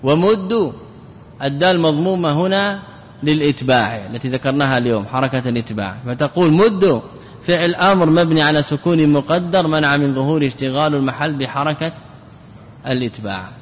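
A man teaches Arabic grammar as a sheikh in a classroom, repeating examples out loud and quizzing his students. His voice sits on the high side and moves briskly. The hall recording is reverberant, with faint noise.

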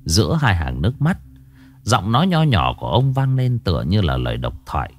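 A man narrating a scripted ghost story in a dramatic, expressive reading. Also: lowish voice, normal speed.

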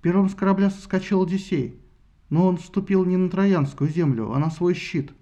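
A man voicing a modest, gentle young warrior speaking softly to his wife. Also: high voice, normal speed, pitched above the performer's own voice. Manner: soft, modest.

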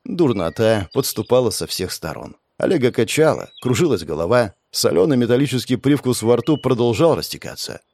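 A man narrating an audiobook in an expressive, lively storytelling manner. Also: medium pitch, brisk. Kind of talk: scripted narration.

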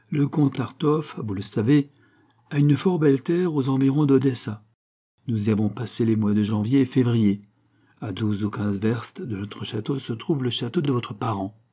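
A poised aristocratic countess recounts a family story with lively, confiding warmth, as a male audiobook reader gives her voice. The tone stays dark and mellow, lifted a little above a plain reading voice. It sounds like a classic storybook reading. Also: mid-range voice, lightly acted. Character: countess Baccarat, a poised woman telling a story.

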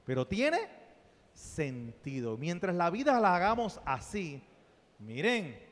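A man preaching a sermon, playful and animated, dropping to soft asides and then rising to loud exclamations. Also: sits high, measured pace. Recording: long reverb of a church hall.

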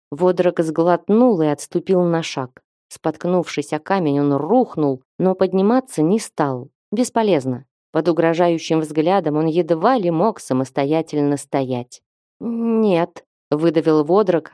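A woman narrating an audiobook in a steady storytelling manner, recorded close to the mic. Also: on the low side, no room sound. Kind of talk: scripted narration.

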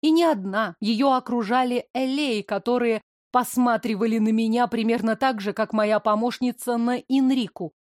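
Brief: woman audiobook narrator, expressive first-person reading, slightly high voice, dry studio sound. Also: normal speed, no room sound.

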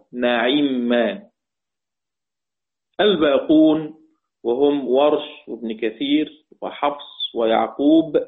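A man with an Egyptian Arabic accent teaching the Quranic readings, repeating each point slowly and chanting verses in a drawn-out way. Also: medium pitch. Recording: tinny phone-like audio.

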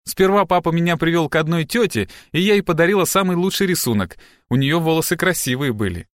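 A man's voice: fairly high pitch, expressive, quick pace, no echo, clean studio sound, voice pushed up, close to an everyday voice. A man voicing a childlike, blunt grown daughter in an audiobook, with a whining manner. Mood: insistent.

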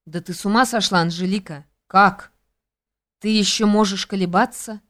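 A woman voicing an excitable, anxious young friend, exclaiming her lines in an audiobook. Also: medium pitch, moderate pace, lightly acted. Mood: excited. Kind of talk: audiobook character reading.

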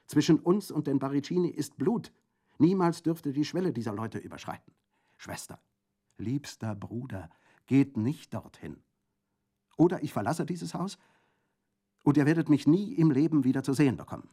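A man's voice: lowish voice, brisk, vocal fry, dark tone. A man reading aloud and voicing a passionate young Corsican woman who pleads and rages with fierce intensity. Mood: imploring. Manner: vehement, imploring. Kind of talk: audiobook reading.

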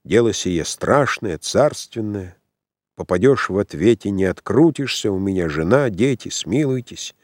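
A man's voice: lowish voice, animated, measured pace, no echo, studio quality. A man voicing a timid, frightened garrison priest who pleads meekly. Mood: pleading. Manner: pleading, meek.

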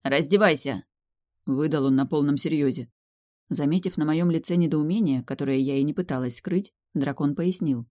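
A woman narrating a first-person fantasy audiobook in a lively, expressive way. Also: low voice, moderate pace, no echo, studio quality.

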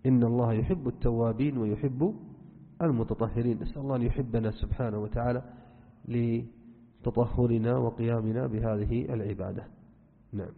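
A man's voice: medium pitch, brisk, gravelly, long pauses. A man teaching a religious lesson as a sheikh, earnest and instructive, speaking straight to his listeners. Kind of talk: religious lesson, explaining to students. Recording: phone-like band, long hall reverb.

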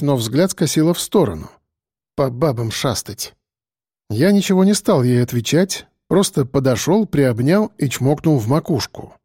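Expressive male audiobook narrator. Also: on the high side, no echo, clean studio sound. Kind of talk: first-person scripted narration.

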